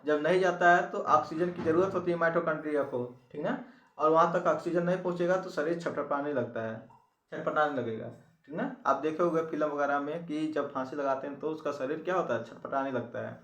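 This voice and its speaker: A man's voice: fairly high pitch, fairly quick, fairly bright tone, distant mic. A man teaching an exam-prep biology lesson, repeating key terms and asking the listener questions. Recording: echoey room, voice from off-mic.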